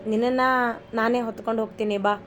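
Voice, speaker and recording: A tender young husband who teases and coaxes his wife in quick, eager bursts, as a woman reading the story puts him on. His voice stays fairly high and level, with little swing in pitch, and faint music plays behind him. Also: little pitch movement, close to an everyday voice. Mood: teasing. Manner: coaxing, playful, quick.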